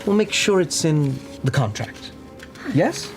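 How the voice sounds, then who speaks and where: A courteous, shrewd adventurer, played by a man, tactful and careful with words, with lively pitch movement. It is improvised role-play over clear background music. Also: slow pace, heavily acted. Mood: polite, shrewd.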